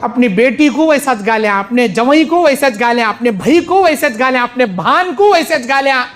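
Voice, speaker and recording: A man's voice: very high-pitched, animated, brisk, fairly bright tone. A man giving a mosque sermon, emphatic and repetitive, acting out quoted sinners. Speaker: preacher.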